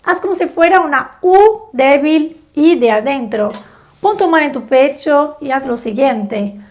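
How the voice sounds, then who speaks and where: A woman with a Brazilian Portuguese accent hosting a language channel, slowly coaching viewers through a pronunciation exercise. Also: sits high, lively intonation. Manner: slow, encouraging, coaching the viewer. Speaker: channel host. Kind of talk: language lesson.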